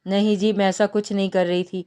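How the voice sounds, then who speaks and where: A woman's voice: medium pitch, flat delivery, mellow, clean tone, natural voice. A woman voicing a bashful young woman who answers hesitantly and evasively in an audiobook novel reading. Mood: shy.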